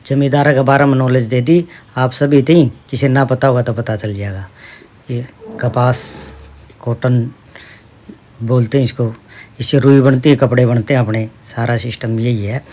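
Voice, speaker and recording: Chatty man narrating his vlog. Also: mid-range voice. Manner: chatty, homely, addresses viewers with "dekho". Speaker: vlogger, father.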